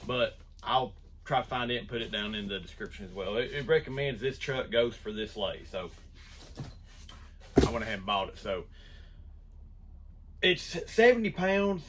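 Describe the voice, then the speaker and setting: Low-voiced man chatting in his shop. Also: moderate pace, slight background noise. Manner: rambling, self-deprecating, restarts often. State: out of breath. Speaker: woodworking channel host. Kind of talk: casual unboxing talk. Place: woodworking shop.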